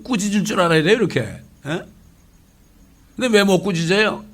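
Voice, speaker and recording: Lively preaching pastor, higher-pitched man. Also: moderate pace. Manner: lively, asks rhetorical questions, acts out quotes. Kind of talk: conversational sermon.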